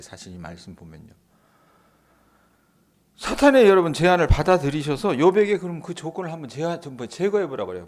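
A male pastor preaching an early-morning sermon, often putting rhetorical questions to the congregation. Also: a little high. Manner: acts out the Bible dialogue in quoted voices.

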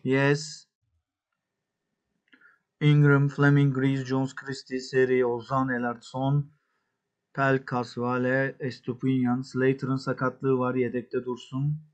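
A man hosting a football management game, muttering to himself and then shouting cheers at his players, some in English. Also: mid-range voice, monotone, takes it slowly. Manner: talks to himself, swinging from mutters to yells. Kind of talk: excitable gameplay commentary.

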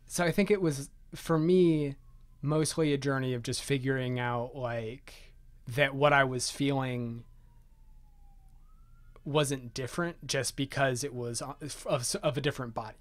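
A man's voice: mid-range voice, steady tone, a little slow, no echo. Guy in his 20s from maryland, guest on a podcast, rambly and jokey with lots of "like", dry close sound. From Maryland, USA. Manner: chatty, many "like" fillers, self-deprecating humor. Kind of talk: casual conversational storytelling.

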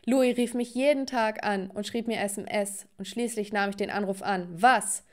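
A young woman narrating a dramatic first-person story for an animated video. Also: medium pitch, moderate pace.

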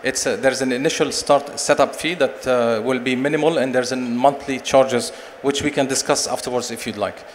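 A man in his forties, a company director, giving a conference sales pitch and answering questions with many fillers and restarts into a handheld mic. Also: fairly even intonation, moderate pace, hardly any pauses. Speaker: company managing director presenting. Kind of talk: conference presentation and Q&A. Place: large expo stage hall. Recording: long hall reverb, faint noise.

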